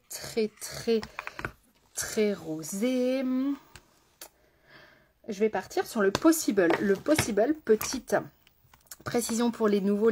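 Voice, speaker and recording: A woman's voice: medium pitch, darkish tone, slight background noise. A woman makeup artist chatting through a live makeup tutorial, talking straight to her viewers with rambling asides.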